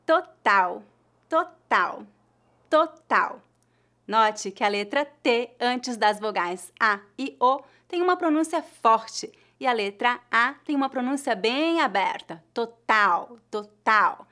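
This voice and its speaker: A woman with a Brazilian Portuguese accent giving a scripted pronunciation lesson, speaking clearly and slowing down to model each word. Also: fairly high pitch, expressive, fairly bright tone. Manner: clear, deliberate, slows down to model words. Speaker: language teacher.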